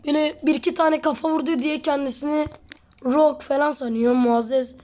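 A woman's voice: high voice, fairly even intonation, moderate pace, mellow. A woman casually commenting on her own gameplay, teasing her teammate and talking to viewers. She says she is sick. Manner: chatty, teasing, addresses viewers. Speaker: gamer and channel host.

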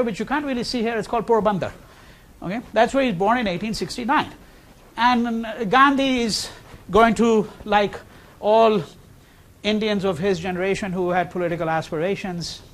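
A man giving a university history lecture, animated, posing rhetorical questions and checking in with "okay?" and "right?". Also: sits high.

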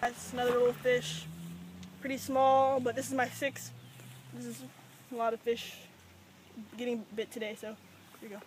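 A man's voice: very high voice, flat delivery, moderate pace, pauses often, noisy background. A teenage boy from Georgia hosting a casual fishing vlog outdoors by a pond, chatty and joking. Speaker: vlog host.

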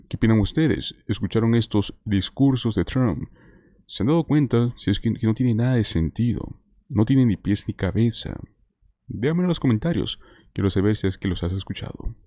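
A man's voice: fairly low pitch, mellow, no room sound, clean studio sound. A man in his thirties giving conversational online news commentary to viewers, full of rhetorical questions. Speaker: political commentator. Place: small indoor streaming setup. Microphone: close desk microphone with headphones.

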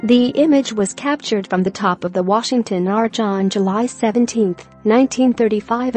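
A woman giving a scripted narration of a news article, reading straight through the text in a flat manner. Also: medium pitch. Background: music.

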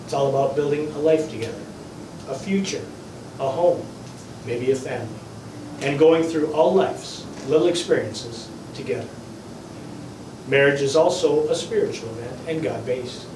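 A man's voice: on the high side, moderate pace. A man officiating a vow renewal as an [name] impersonator, ceremonial with playful catchphrases. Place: small indoor wedding chapel. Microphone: distant camera mic. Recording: echoey room, distant mic, faint noise.

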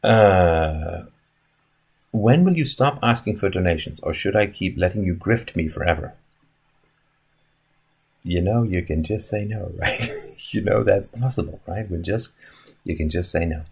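A man's voice: deep voice, expressive, measured pace, vocal fry, pauses often, darkish tone, slightly rough. A man in his fifties talking casually on a live stream from an indoor room, musing and rambling with many fillers and restarts as he answers chat questions. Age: 50s. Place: indoor room in front of a wooden wall.

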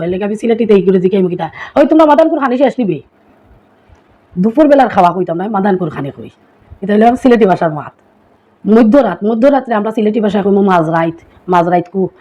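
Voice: mid-range voice, darkish tone. Chatty Sylheti-accented vlogger. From Karimganj, Assam, India. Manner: chatty, keeps asking listeners rhetorical questions. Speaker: small content creator. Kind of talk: casual explanatory vlog.

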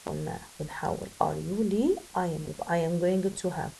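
A woman with an Egyptian Arabic accent teaching an English grammar lesson, switching between slow English and quick Arabic explanations. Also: lowish voice, creaky, warm tone, a little hiss or hum, low-quality recording.

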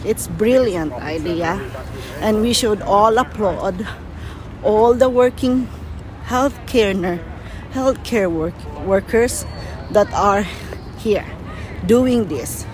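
Slow and medium-pitched with long pauses, a young vlogger whose first language is Filipino talks earnestly from behind her phone camera, repeating words for emphasis. She walks a busy city waterfront plaza, and the low-quality recording carries crowd and street noise.

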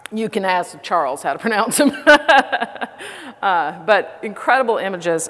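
A middle-aged woman with a Texas accent giving a conference talk, chatty and self-deprecating with frequent fillers. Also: lowish voice. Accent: Texan. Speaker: conference speaker. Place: large conference hall. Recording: reverberant conference hall.

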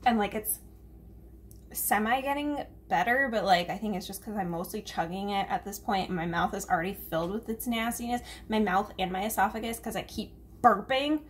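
A woman's voice: mid-range voice, a little fast, a little hiss or hum. A woman reviewing a drink in a casual vlog, chatty and sarcastic, full of fillers and swearing. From United States.

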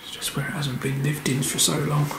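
The paranormal explorer speaks briskly in a somewhat high, creaky voice with little pitch movement as he films himself moving through a deserted, decaying building. He chats and exclaims at his surroundings, with echoing rooms and background noise in the recording.

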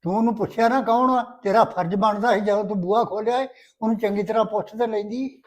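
A gruff older grandfather in a homemade family drama, tossing off curt, dismissive remarks, played by a man. His voice sits high for a man. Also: fast talker, close to an everyday voice. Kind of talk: amateur family web drama.

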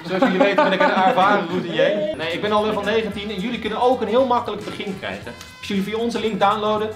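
Hoge mannenstem in een galmende kamer. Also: male voice, high-pitched, expressive, fast. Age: 20s. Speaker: vlogger presenting a sponsor. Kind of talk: casual improvised promotion. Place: living room. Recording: echoey room, faint music.

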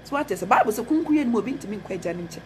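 A woman's voice: mid-range voice, animated, racing, a little mellow, a little hiss or hum. A woman with a Ghanaian accent preaching a fervent message, repeating phrases and mixing Twi with English. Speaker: prophetess.

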